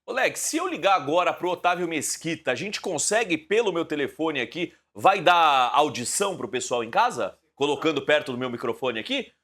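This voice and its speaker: A Brazilian man hosts a live TV talk show, putting friendly questions to a guest on the phone. His delivery is animated and varied in pitch, sitting slightly high. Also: moderate pace, few pauses. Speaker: TV host. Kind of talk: live TV interview.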